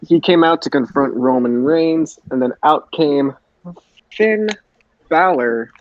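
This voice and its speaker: A male podcast co-host with a higher voice speaks slowly, giving an informal recap of a wrestling show. The recording is lo-fi.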